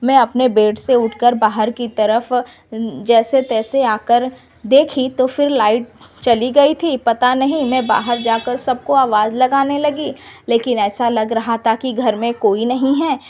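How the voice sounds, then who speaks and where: High-voiced woman telling a story. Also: steady tone, darkish tone. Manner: plain, unhurried telling with small restarts. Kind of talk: first-person story narration.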